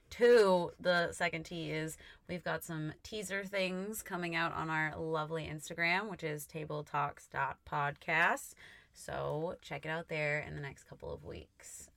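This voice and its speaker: A young woman hosting a laid-back podcast, her low voice bright and tense. She is tucked inside a small closet, so the sound is close and dry. She chats easily and fills her sentences with "like". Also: gravelly, no echo. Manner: chatty, leans on "like" often. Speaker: podcast host. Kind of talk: casual chat. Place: small closet, recording indoors.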